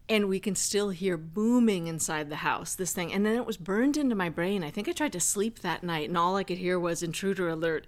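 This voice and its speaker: Woman, 30s, casual storyteller, wry, conversational, with plenty of asides. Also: lowish voice. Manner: chatty, wry, with asides and fillers. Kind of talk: personal anecdote told casually.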